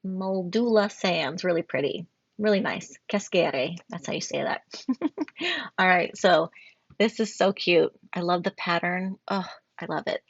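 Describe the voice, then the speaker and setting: Gravelly-voiced woman giving gushing design critiques. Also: lowish voice, animated, measured pace, no room sound. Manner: warm, effusive praise with frequent fillers and self-corrections. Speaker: graphic design instructor. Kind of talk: recorded assignment critique. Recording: dull lo-fi screen recording.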